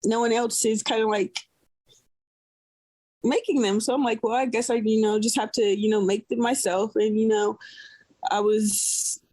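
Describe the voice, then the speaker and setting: In a low-quality recording with no room sound, a woman's medium-pitched, darkish voice is heard. She's a podcast guest from the San Francisco Bay Area, USA, who owns a cloth diaper brand, rambling casually in an interview and saying "you know" a lot.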